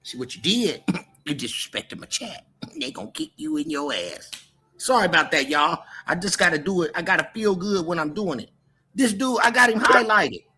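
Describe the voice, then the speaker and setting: This Oakland, California native, an American livestream host, moderates his chat with repetitive slang and a confrontational edge. He speaks at normal speed in a high, sing-song, sharp voice over slight background noise.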